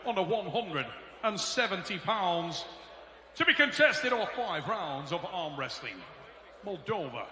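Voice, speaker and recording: A male ring announcer calls out fighters in a high, swooping, bright voice, stretching every word slowly. His voice rings through a big echoey hall. Faint background noise is audible. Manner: booming, drawn-out hype calls. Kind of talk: arena announcing.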